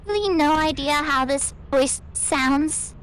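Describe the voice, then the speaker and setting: A man talking on game voice chat through a voice changer that turns him into a high-pitched woman, joking around. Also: slow pace, fairly bright tone, a little hiss or hum, exaggerated voice. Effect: voice changer making him sound like a high-pitched woman. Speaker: gamer on voice chat. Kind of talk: casual gaming chat.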